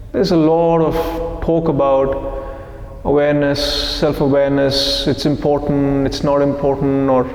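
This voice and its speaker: Slow, calm male meditation teacher in an echoey hall. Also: medium pitch. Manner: slow, calm, asks the group questions and repeats their answers. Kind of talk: live guided meditation talk. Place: meditation hall with a live group.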